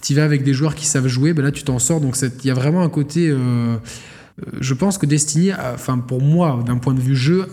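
Male gaming-podcast co-host, rambling, filler-heavy, dark tone, hall reverb. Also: medium pitch, a little fast. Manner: rambling, many fillers and restarts. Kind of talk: casual gaming podcast chat.

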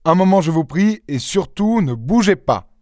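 A man voicing a smooth-talking fake police inspector, brisk and chatty with a blustering edge. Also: medium pitch, very animated, darkish tone, dry recording, studio quality, voice pushed up, natural voice.

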